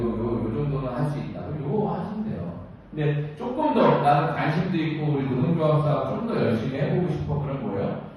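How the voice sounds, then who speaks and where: A woman giving a training lecture to union branch leaders, lively, often asking the audience questions and acting out quotes. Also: fairly low pitch. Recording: echoey hall, distant mic, dull sound, faint noise.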